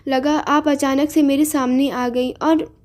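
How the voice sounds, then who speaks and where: A woman's voice: high-pitched, level tone, slow pace, a little mellow. Woman doing a timid, apologetic male teacher. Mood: nervous. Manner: fearful, apologetic.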